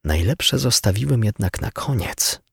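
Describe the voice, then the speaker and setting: A man voicing a smug male murder suspect who taunts the detective in a cool, unhurried, mocking way. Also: fairly low pitch, lively intonation, vocal fry, a bit bright, breathy edge, no echo, clean studio sound, pitched above the performer's own voice, exaggerated voice. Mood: sly. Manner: mocking, unhurried, coolly polite.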